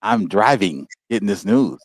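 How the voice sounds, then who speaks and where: A very deep-voiced American man speaks as a podcast guest, recorded in a close, dry sound. His delivery is casual and heartfelt, full of "man" and "you know what I'm saying." His pitch climbs sharply when he relives emotional moments. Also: animated, moderate pace, slightly rough, no room sound. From United States. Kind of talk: casual personal storytelling.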